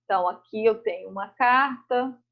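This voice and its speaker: A woman teacher, going over school exercises in a recorded lesson, reading each task aloud and explaining it patiently. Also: on the high side. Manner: reads tasks aloud, then explains slowly and patiently. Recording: muffled home recording.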